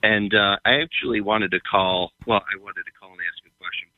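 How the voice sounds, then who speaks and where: A man calling in to a radio show over a phone line, talking in a hesitant, halting way with many fillers. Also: lowish voice, fairly even intonation, no room sound. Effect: heard over a phone line. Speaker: caller. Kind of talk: call-in conversation. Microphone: phone held by the caller.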